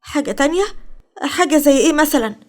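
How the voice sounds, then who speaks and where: A woman's voice: sits high, fast, voice pushed up, close to an everyday voice. A woman with an Egyptian Arabic accent voicing a jealous, scheming young woman who gets flustered. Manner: wheedling, flustered.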